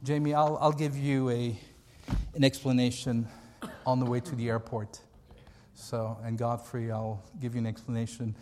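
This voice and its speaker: American pastor talking in an echoey hall. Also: male voice, mid-range voice, flat delivery, moderate pace, a little mellow. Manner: conversational, emphatic repetition. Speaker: pastor, seminar speaker. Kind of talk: informal church training talk. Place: large hall, speaking to a group. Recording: echoey hall with long reverb.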